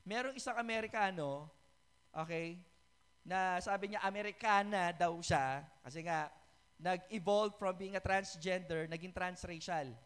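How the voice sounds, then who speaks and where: A man's voice: high-pitched, unhurried, a bit bright, clean tone. A male pastor preaching a sermon, mixing Tagalog and English and often checking in with the congregation. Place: church sanctuary. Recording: reverberant church hall.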